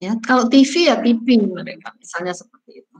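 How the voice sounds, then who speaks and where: A woman lecturer with a higher-pitched voice explains points to her class. She talks in a chatty, repetitive way, checking in with frequent "ya" and "nah" fillers. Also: animated, brisk, slight background noise. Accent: Indonesian.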